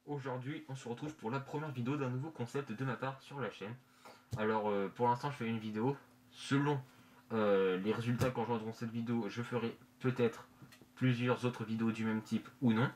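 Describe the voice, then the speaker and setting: A man presenting casually in a halting, hesitant way, his voice slightly muffled through a face mask in a bedroom. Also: medium pitch, steady tone, darkish tone. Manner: hesitant, halting, searching for words. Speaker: manga review vlogger. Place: bedroom, indoors. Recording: noisy amateur room recording.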